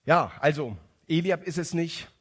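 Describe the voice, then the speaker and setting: A man's voice: a little high, normal speed, a bit bright, breathy edge. A man preaching a sermon, retelling a story conversationally with frequent restarts.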